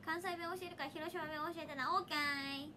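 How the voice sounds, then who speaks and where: A woman's voice: high voice, steady tone, brisk, noisy background. A young woman with a Hiroshima accent chatting casually on a livestream, reading viewer comments and laughing often. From Hiroshima, Japan. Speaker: idol livestreamer.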